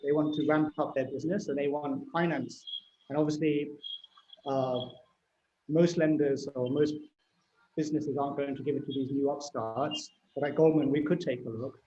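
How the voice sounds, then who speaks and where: Middle-aged UK-raised male host, slightly high voice, animated storyteller. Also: moderate pace, reverberant, dull audio. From United Kingdom. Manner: animated, storytelling, frequent "you know" and "right?". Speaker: fintech CEO interviewing a guest. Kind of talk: conversational panel discussion.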